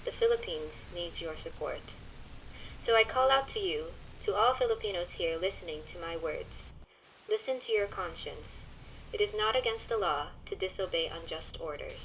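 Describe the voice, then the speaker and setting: A woman playing a resolute widowed opposition leader, giving a measured, earnest political speech. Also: lowish voice, a bit bright, a little hiss or hum, low-quality recording. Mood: rallying. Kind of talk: scripted political speech acting.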